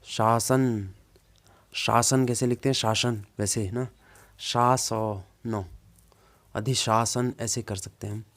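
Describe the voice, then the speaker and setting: A male teacher works through exam questions in a relaxed, informal way. He repeats each word several times, drawing it out as he reasons toward the right answer. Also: medium pitch. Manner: repeats words slowly while working out answers; informal, says "yaar" to himself. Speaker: Hindi teacher. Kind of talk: exam-prep lesson, thinking aloud.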